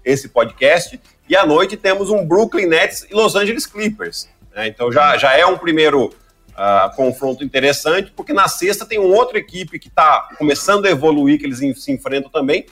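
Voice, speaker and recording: A man who comments on basketball, talking through a podcast in a relaxed, conversational way. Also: a little high, moderate pace. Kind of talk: podcast chat.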